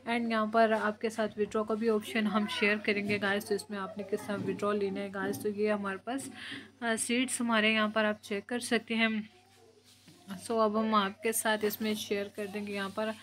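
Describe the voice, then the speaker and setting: Channel host, woman, mid pitch, flat and repetitive tutorial delivery, words. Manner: flat, repetitive, with frequent fillers like guys and friends. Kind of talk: screen-recorded app walkthrough.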